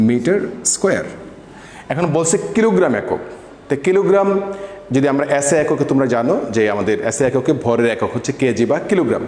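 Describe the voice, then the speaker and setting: A man's voice: mid-range voice, a little mellow. A male physics teacher explaining an assignment step by step. He asks questions and answers them himself, repeats key points and mixes in English words. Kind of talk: classroom lesson explaining an assignment. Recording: echoey room with long reverb, faint background noise.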